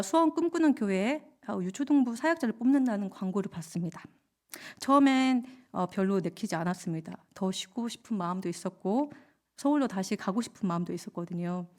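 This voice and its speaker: A young woman, a junior pastor, giving a soft, humble Wednesday evening sermon in a church, with gentle self-deprecating humor. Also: mid-range voice. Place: church sanctuary.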